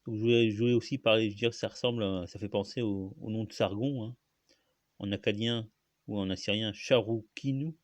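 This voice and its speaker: A man's voice: lowish voice, steady tone, brisk, no room sound. A man hosting a solo talk, explaining words in a hesitant, rambling way, full of fillers, restarts and coughs. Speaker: host.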